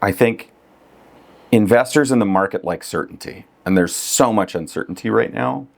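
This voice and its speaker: Man, middle-aged, low pitch, casual podcast guest, relaxed, laughs often. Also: moderate pace, vocal fry. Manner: conversational, laughs often, many fillers. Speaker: real estate agent guest.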